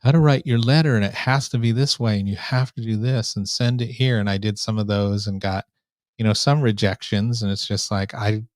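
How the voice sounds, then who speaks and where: Male chat host, somewhat low and nasal, informal delivery, close dry mic. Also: fairly even intonation, a little fast, darkish tone, no room sound. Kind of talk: casual live chat. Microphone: microphone right up close.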